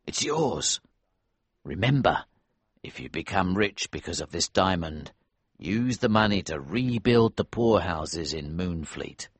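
A man playing an older, steady protector with a very deep, husky voice. He speaks slowly and gravely, reassuring the young hero in a storybook reading, with a dry, close sound. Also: dry recording, heavily acted.

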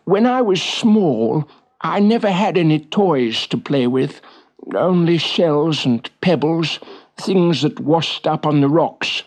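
A man voicing a gentle, polite old male walrus who talks slowly and wistfully. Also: fairly high pitch, lively intonation, pitched above the performer's own voice. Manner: slow, soft and wondering.

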